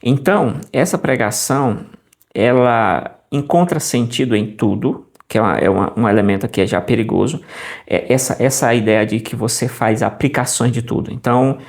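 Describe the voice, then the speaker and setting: A man with a gravelly, creaky edge to his mid-pitched voice talks through his views in a relaxed, conversational way. He often restarts phrases and checks in with his listener through tag questions. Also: moderate pace. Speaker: commentator on preaching. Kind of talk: casual spoken commentary.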